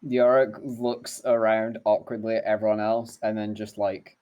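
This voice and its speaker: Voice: medium pitch, little pitch movement, normal speed, a little mellow, a little hiss or hum. A player in a tabletop game, narrating her character's actions in a wry way. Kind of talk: tabletop role-play chat. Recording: muffled mic with faint clicks.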